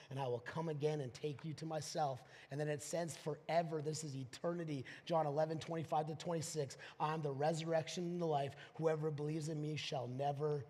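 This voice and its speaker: A man preaching a live church sermon. He moves from quiet scripture reading to loud, emphatic preaching and often stumbles and restarts a phrase. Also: fairly high pitch. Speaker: pastor. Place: church auditorium. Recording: long reverb of a large church hall.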